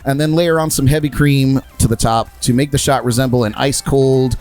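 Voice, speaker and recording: A man hosting a live music podcast, upbeat and quick to laugh. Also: medium pitch, steady tone, darkish tone. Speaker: podcast host. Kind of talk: casual live show chat.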